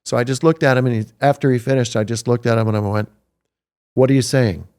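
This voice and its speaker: A man in his sixties hosting a podcast, telling animated stories in casual chat. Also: medium pitch, very fast, clean tone. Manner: animated anecdotes with acted quotes. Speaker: podcast host.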